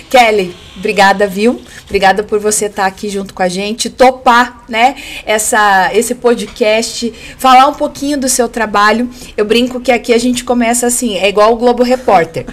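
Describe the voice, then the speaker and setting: A Brazilian woman speaks as a podcast host in a fairly high voice. It is a bit hoarse, as if giving out. Her delivery is casual and effusive, with words repeated for emphasis. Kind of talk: casual conversational hosting.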